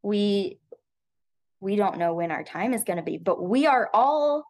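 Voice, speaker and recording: A serene middle-aged mother who talks about death without fear, as her daughter voices her. Her words come quiet and unhurried, with gentle rises in pitch on key words. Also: expressive, close to an everyday voice.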